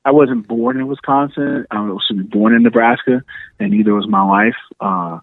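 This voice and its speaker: Speaking at a moderate pace with a gravelly, medium-pitched voice, a thirty-something New Yorker shares stories as a podcast guest. The tinny phone line has no echo, and he stays relaxed, laughing often in the casual conversation.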